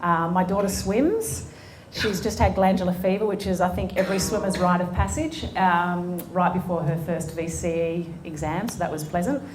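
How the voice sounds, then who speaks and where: Low-voiced Australian woman on a stage. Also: normal speed, slight background noise. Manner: earnest, with frequent ums and restarts. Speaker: sports executive and guest speaker. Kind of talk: on-stage conversation. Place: conference room before an audience. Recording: echoey event room.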